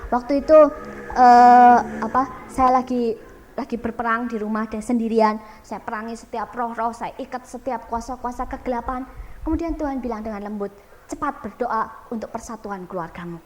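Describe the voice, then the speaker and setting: A woman evangelist with an Indonesian accent preaching a sermon, swinging between loud emphatic peaks and low quiet asides. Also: slight background noise.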